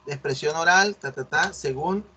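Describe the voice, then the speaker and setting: A man's voice: fairly high pitch, moderate pace, pushed and bright, slight background noise. A male university teacher explaining a research assignment in an online class, correcting students and often checking whether they follow. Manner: corrective, asks "¿sí ven?" often.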